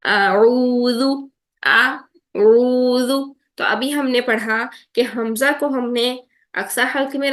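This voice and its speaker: A woman teaching Quran recitation in an online lesson, patiently drawing words out slowly to demonstrate and checking in with her students often. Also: on the high side, fairly bright tone. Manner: checks in often with "theek hai?".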